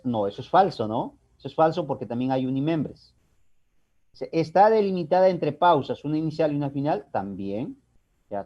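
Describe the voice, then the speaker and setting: A man teaches a grammar class, asking questions and answering them himself. His voice sits a little high and has a mellow tone. The recording sounds dull and lo-fi. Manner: explains step by step, asks and answers his own questions. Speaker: language teacher. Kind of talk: recorded online class lecture.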